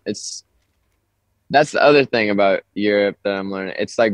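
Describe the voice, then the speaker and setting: A man, a young touring musician, talking over the phone in a relaxed, rambling way with lots of filler words. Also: deep voice, no echo. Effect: heard over the phone. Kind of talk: casual phone interview. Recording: dry, muffled phone line.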